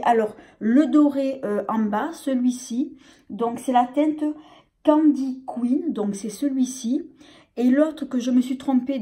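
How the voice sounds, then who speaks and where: Speaking in a fairly high, mellow voice, this French-accented woman is a beauty vlogger reviewing a makeup palette. She sounds casual and unsure, with lots of fillers and restarts.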